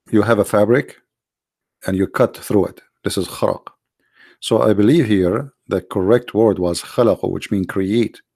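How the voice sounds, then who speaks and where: Gravelly, tired-voiced man lecturing. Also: fairly low pitch, darkish tone, no echo, clean studio sound. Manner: emphatic, rhetorical questions, halting restarts. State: tired, strained voice. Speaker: religious apologist. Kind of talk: lecture on scripture.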